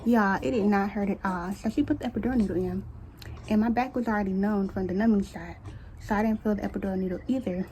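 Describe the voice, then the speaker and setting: A teenage girl tells her story in a casual, chatty way, talking straight to her viewers. Her voice sits at an ordinary middle pitch. She speaks candidly and colloquially, with lots of quick asides, as a faint hum of ambience runs behind her. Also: a little mellow, poor audio. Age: late teens. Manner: chatty, addresses viewers as y'all. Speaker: vlogger. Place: at home, baby nearby.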